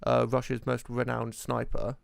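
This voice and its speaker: Gravelly dude on a podcast, lots of ums, resonant, dry mic. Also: male voice, medium pitch, completely flat delivery, normal speed, no echo. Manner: hesitant, lots of "um" and restarts. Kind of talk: casual podcast discussion.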